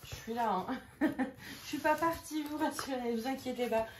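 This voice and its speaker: A woman's voice: high voice, normal speed. Chatty woman vlogger, noisy room. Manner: chatty, self-deprecating, thinking aloud. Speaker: crafting vlogger. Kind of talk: casual chat. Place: at home.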